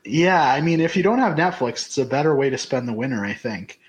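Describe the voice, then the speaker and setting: A man's voice: mid-range voice, animated, a little fast, muffled recording. A man co-hosting a podcast, chatting casually in a rambling, conversational way. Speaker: podcast co-host. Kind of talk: casual chat.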